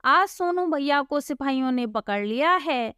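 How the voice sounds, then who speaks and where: A simple, earnest young village laborer who speaks plainly and pleads when scared, as a woman voices him. The voice sits high and slow-paced, in a dry, close sound. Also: expressive, bright, forceful tone, no echo, exaggerated voice.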